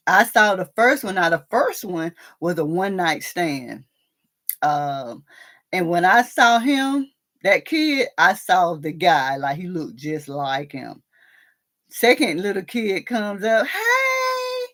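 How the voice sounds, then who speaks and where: Woman, middle-aged, unhurried, laughs a lot, casual live chat host. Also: on the low side, animated, a bit bright. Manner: laughs often, drawling storyteller. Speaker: livestream host discussing a TV drama.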